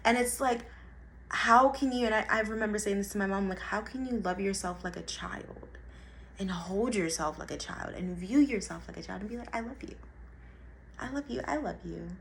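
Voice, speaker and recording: A young woman giving a casual motivational talk in a blunt, profane way, repeating her points and swinging between soft and loud. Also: medium pitch, normal speed, creaky, a little hiss or hum. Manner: blunt and profane, with emphatic repetition. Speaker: vlogger.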